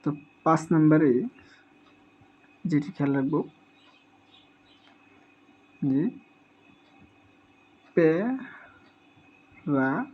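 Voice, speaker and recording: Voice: mid-range voice, normal speed, pauses often. A teacher giving a spelling lesson, sounding out each word syllable by syllable and repeating it several times. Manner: drills words by repeating them syllable by syllable. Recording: dull lo-fi recording.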